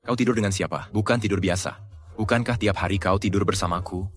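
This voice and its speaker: A man's voice: low voice, fast talker, lightly acted. A man dubbing an arrogant, scheming male hospital dean who blusters, fawns and threatens. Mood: furious. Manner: blustering, turns fawning then menacing. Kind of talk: dubbed drama acting.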